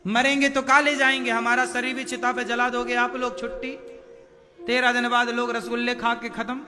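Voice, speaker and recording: High-voiced preacher in a reverberant hall. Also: male voice. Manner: chants Sanskrit verses, acts out dialogue. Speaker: Bhagavat Katha preacher. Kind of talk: devotional sermon storytelling. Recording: reverberant hall with music behind.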